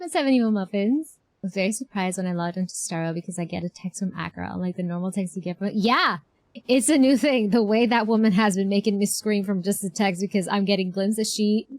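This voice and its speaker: A woman with a medium-pitched voice streams a game and reacts to it in a casual, expressive livestream chat. She talks with her viewers informally and uses a lot of slang, and the recording has no room sound.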